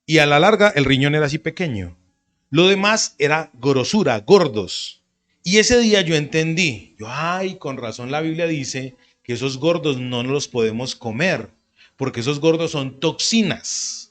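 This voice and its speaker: A man preaching a sermon as pastor, with animated, conversational delivery and acted-out quotes. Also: fairly high pitch, normal speed.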